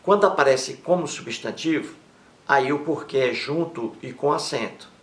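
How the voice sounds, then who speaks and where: A man gives a grammar lesson straight to camera, pausing to read each example sentence slowly and with emphasis. His voice sits at an ordinary middle pitch. The recording has a noticeable roomy echo. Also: distant mic. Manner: slow, emphatic reading of example sentences, often addressing viewers. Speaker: teacher. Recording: echoey room.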